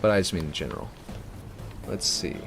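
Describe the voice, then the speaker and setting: Building a game map on a live stream, a man rambles casually with lots of fillers and restarts as music plays. His fairly deep voice is creaky, very animated, and a little fast.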